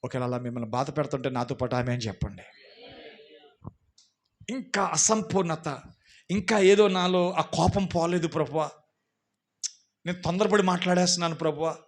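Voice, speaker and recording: A man with a Telugu accent preaching a sermon in a fairly high voice. He builds to loud, emphatic repetitions, then drops low to question the congregation directly. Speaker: pastor.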